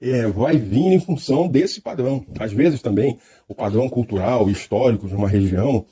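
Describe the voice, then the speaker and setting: A man's voice: mid-range voice, moderate pace, dark tone, husky. A man with a Brazilian Portuguese accent giving a reflective, lecture-style monologue, thoughtful and hesitant, often restarting his phrases. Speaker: speaker.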